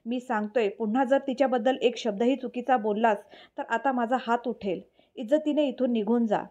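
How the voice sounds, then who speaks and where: A woman's voice: a little high, moderate pace, dull audio, natural voice. Woman reading as a fierce protective young man. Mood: angry. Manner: stern and forceful.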